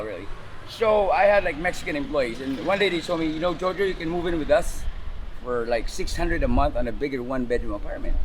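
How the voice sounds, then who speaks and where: A middle-aged Filipino man with a fairly high voice speaks loosely, full of fillers, during a casual street interview in a city. The low-quality outdoor recording picks up traffic noise behind him.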